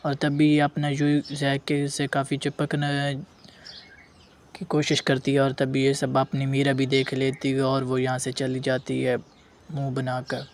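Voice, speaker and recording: A man narrating a story recap in a loose, slangy, rambling manner. His pitch barely moves and stays level throughout. He reads out the characters' dialogue in the same plain voice, with a faint hiss in the background. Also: monotone.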